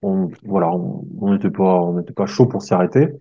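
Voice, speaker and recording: A man's voice: deep voice, brisk, dark tone, husky. A man telling a travel story casually, with many fillers and restarts, speaking straight to the viewer. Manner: chatty, many fillers and restarts, addresses listener as "tu vois". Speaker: travel vlogger. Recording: dull lo-fi sound.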